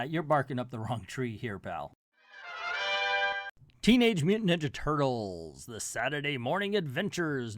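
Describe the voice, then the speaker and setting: A middle-aged man hosting a comic book review channel, giving a casual ranked countdown in a folksy, colloquial way with emphatic asides. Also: fairly high pitch.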